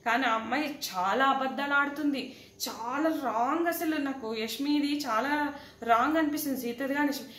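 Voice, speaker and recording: A woman reviewing a reality show in casual, animated talk, addressing the contestants directly. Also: high voice, moderate pace. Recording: echoey room with faint background noise.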